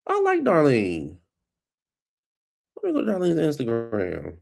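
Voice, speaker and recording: Sitting at his computer at home, a man with a stuffed-up nose and a fading voice rambles casually as a vlog host, calling his listeners "baby" in a loose, chatty solo talk. His fairly high voice swoops wildly in pitch, and he speaks at a measured pace with a creaky, slightly mellow quality.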